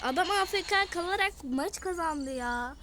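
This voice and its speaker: A woman's voice: very high voice, animated, normal speed, heavy background noise. A young woman giving casual gameplay commentary, often exasperated and complaining to her viewers. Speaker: gaming channel host. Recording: loud game music behind the voice.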